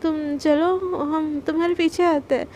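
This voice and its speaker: A young woman caught in a love triangle, coaxing and pleading in a spoken storybook tale, as a woman narrator voices her. Her voice sits high with a mellow, soft tone, and the pleading stays on one narrow line. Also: little pitch movement, measured pace, a little hiss or hum.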